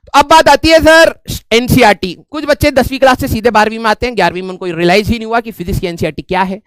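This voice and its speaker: A man with an Indian accent teaches a physics class online, in a very high, smooth voice. The sound is dry and close, with no room echo. He talks chattily and jokes while checking in with his students. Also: fast talker, a bit bright. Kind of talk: online class lecture in mixed Hindi and English.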